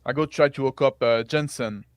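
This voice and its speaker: A man role-playing casually as a tabletop game player, halting and repeating his words. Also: medium pitch, clean tone. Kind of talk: casual in-character role-play.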